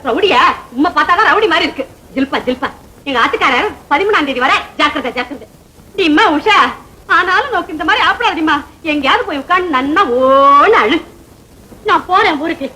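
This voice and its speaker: An actress playing a meddling, quick-tongued woman who scolds and carries on dramatically in an old Tamil film comedy. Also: high-pitched, animated, bright, forceful tone, a little hiss or hum. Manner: scolding, theatrical. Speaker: film character, meddling neighbour.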